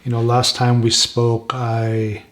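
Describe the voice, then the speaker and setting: A soft-spoken man hosting a spirit box session, asking gentle questions slowly and leaving pauses for an answer. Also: medium pitch, monotone. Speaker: paranormal investigator, host.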